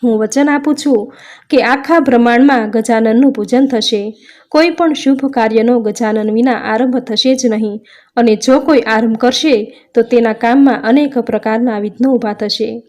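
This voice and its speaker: A woman's voice: fairly high pitch, normal speed, a little mellow, lightly acted. A woman voicing a stern, commanding male god in a devotional storybook tale, close to her own reading voice. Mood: solemn. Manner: stern, cutting.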